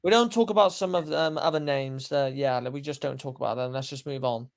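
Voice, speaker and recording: A man's voice: mid-range voice, a little fast, creaky. A young man co-hosting a football fan stream, talking bluntly and swearing freely. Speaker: co-host. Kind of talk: football fan podcast chat.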